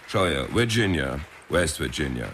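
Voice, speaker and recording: A man's voice: extremely low pitch, lively intonation, normal speed, fairly bright tone, slight background noise. A man narrating and playing the detective in a radio drama, dry and laconic.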